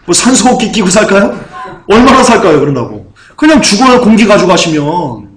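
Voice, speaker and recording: In an echoey church hall, a male pastor preaches fervently in a high, very animated voice, swinging widely in pitch and firing question after question at the congregation. He talks a little fast, with a crowd audible in the background.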